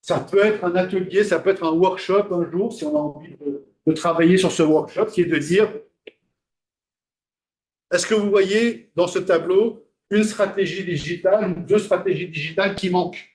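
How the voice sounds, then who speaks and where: A man giving a classroom lecture, talking conversationally, asking the class questions and pausing on fillers. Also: high-pitched, a little mellow.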